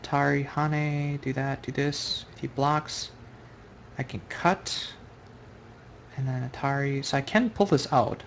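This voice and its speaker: A man's voice: mid-range voice, fairly even intonation, measured pace, gravelly, a little hiss or hum. A man commentating on his own online Go game in a loose, rambling way, thinking aloud and correcting himself mid-sentence, recorded at home at a computer. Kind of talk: casual live game commentary.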